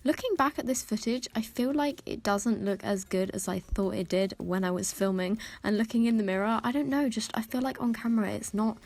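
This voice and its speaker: A woman's voice: on the high side, brisk, few pauses, darkish tone. Slightly lispy young British woman, chatty. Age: young adult. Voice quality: slightly lispy from wearing a retainer. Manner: chatty, self-deprecating. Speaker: beauty vlogger. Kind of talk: casual makeup review to camera. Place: small decorated room indoors.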